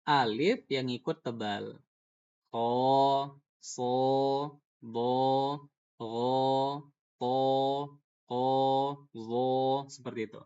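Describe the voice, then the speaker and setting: A man's voice: medium pitch, muffled recording. A man teaching Quran recitation in an online class, patiently explaining and repeating sounds to demonstrate them. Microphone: video call.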